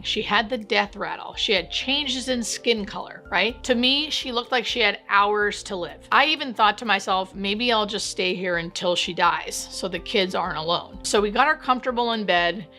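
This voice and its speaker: Bright-voiced woman telling a story. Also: mid-range voice. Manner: conversational, emphatic, acts out quoted dialogue. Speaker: hospice nurse. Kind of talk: casual personal storytelling to camera.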